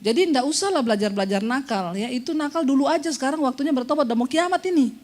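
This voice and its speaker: A woman pastor with a high voice preaches a lively sermon. She teases her listeners and acts out the voices she quotes. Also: very fast. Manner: playful, teasing the congregation, acts out quoted voices.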